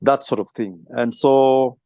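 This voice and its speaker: A middle-aged man answering interview questions, reflective and storytelling, with soft laughs. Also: mid-range voice, fairly even intonation, slow pace, dry recording. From Kenya. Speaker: filmmaker and film trainer.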